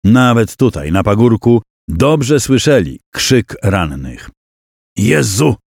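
A man with a fairly low voice reads a historical battle tale as an audiobook, acting out the shouts and cries of the characters within his narration. The sound is dry and close, with no room in it. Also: sing-song, slow, no room sound.

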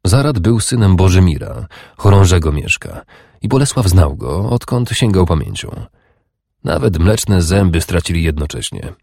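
A man reading a historical novel aloud as audiobook narrator, in measured, grave storytelling. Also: sits low, big pitch swings, vocal fry, mellow, no echo, clean studio sound. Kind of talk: scripted narration of historical fiction.

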